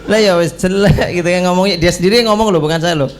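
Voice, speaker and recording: A man's voice: sits high, fast, a crowd in the background. A man, preaching in a joking, teasing way and acting out the people who ask him questions. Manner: playful, teasing, acts out questioners. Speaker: Islamic preacher. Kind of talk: joking religious talk to young people.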